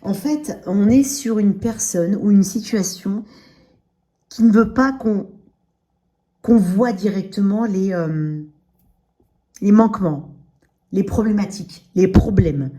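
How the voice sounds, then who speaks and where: A woman's voice: medium pitch, takes it slowly, pauses often, mellow. A woman giving a casual tarot reading straight to the listener, speaking with dental braces in that slightly slur her words and often checking in with short tags. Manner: addresses listener directly with frequent check-in tags. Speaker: tarot reader.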